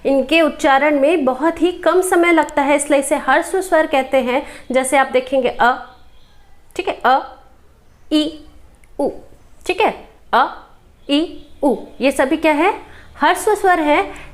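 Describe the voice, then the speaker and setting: A woman's voice: high-pitched, slow pace, pauses often. A woman teaching an exam-prep grammar lesson, patiently repeating each point and checking in with her listeners. She asks questions and then answers them herself.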